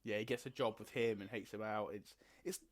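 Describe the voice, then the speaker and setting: A man co-hosting a casual podcast, excitable and laughing often. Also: on the low side, fairly quick. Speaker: podcast co-host. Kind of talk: casual chat.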